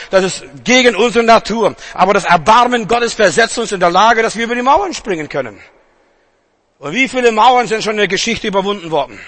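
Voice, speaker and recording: A middle-aged man preaching with a bright, ringing voice that sits a little high for a man. He hammers his points home through repetition, alternating loud declarations with hushed, urgent asides. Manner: emphatic, repetitive, swings between loud proclamation and quiet intensity. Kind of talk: sermon.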